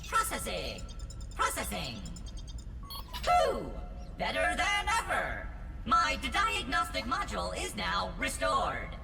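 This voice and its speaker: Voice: mid-range voice, huge pitch swings, takes it slowly, creaky, over loud music, heavily acted. A performer voicing a chipper, helpful robot lab assistant in a video game, speaking through a robotic computer voice filter and announcing its processing and errors like a machine. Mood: chirpy. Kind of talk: video game character dialogue.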